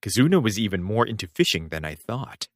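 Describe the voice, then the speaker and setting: Man reading a novel aloud, wry and expressive. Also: fairly low pitch, a little fast, slight background noise. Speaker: audiobook reader. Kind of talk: first-person novel narration.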